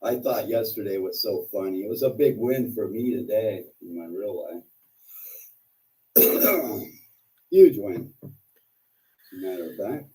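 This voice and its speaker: A man's voice: lowish voice, unhurried, long pauses, warm tone. A man hosting a casual, rambling live stream with a combative, profane way of talking. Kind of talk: casual rambling livestream monologue. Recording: distant microphone.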